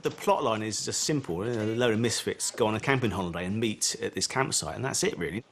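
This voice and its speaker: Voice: medium pitch, fairly quick, creaky, very noisy. A documentary contributor giving enthusiastic commentary on a film. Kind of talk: commentary interview.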